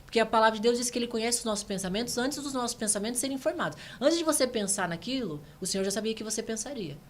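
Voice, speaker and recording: A woman in her thirties from Brazil, a guest giving an emotional personal testimony, animated and earnest. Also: a little high, a little hiss or hum. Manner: fast, earnest, animated storytelling.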